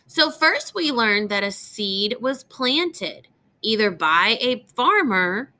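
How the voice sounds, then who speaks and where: Young children listen as a woman teacher reads them a picture book in a mid-range voice. Her reading is expressive and clearly articulated, with pauses for explanations and questions.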